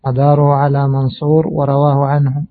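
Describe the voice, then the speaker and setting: A man giving a measured religious lesson on hadith, explaining slowly and pausing with fillers. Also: mid-range voice, completely flat delivery. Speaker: hadith teacher. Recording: tinny phone-like audio.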